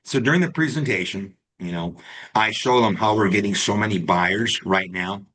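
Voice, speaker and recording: A man's voice: lowish voice, moderate pace, a bit bright. A man coaching real estate agents in a live online class, talking straight to his students and often checking in with "right?" and "okay?". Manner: talks to the class, tags lines with right and okay.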